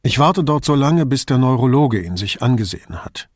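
A man reading an audiobook, voicing a firm, dryly ironic male police commissioner giving brisk instructions. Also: medium pitch, animated, dry recording, clean studio sound, close to an everyday voice.

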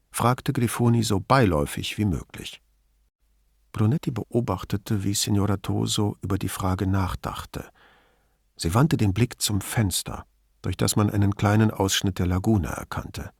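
A man narrating an audiobook in a measured, somber storytelling manner. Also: fairly low pitch, vocal fry, slightly rough, no room sound, clean studio sound.

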